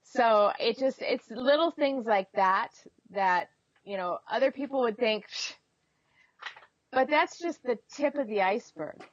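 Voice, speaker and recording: Expressive woman telling candid stories, slightly muffled. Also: fairly high pitch, unhurried, no echo. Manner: expressive, acts out reported dialogue. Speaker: interview guest. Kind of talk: candid personal storytelling.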